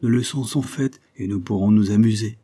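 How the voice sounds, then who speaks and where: A man voicing a pious young boy who speaks calmly and earnestly. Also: lowish voice, moderate pace, husky. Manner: calm, earnest.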